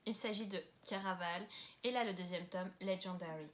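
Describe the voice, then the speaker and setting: A woman's voice: lowish voice, normal speed, noisy background. A young woman from France chatting casually about books at home, rambling and self-deprecating with lots of fillers and asides. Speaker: book vlogger.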